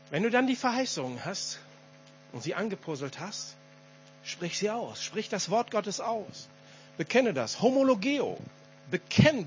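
A man's voice: sits high, highs cut off, a little hiss or hum. A male pastor preaching a sermon to his congregation, emphatic and given to repeating key phrases.

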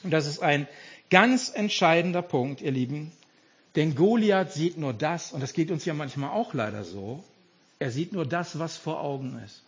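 A man preaching an animated, emphatic sermon as pastor, speaking directly to his congregation. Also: on the high side, moderate pace, slightly rough, muffled recording.

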